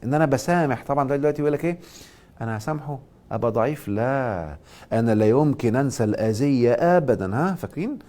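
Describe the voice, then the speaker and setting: A man with an Egyptian accent hosting a live stream, giving a motivational and religious talk and answering viewers' questions. He stresses points loudly, then drops to soft asides. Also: medium pitch. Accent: Egyptian Arabic. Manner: emphatic, swings between loud stress and soft asides. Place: live social media stream.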